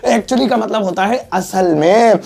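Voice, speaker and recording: A man's voice: sits high, a little slow, gravelly, dark tone. A man teaching English lessons in a playful, teasing way, full of jokes and asides. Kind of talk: joking classroom-style lesson.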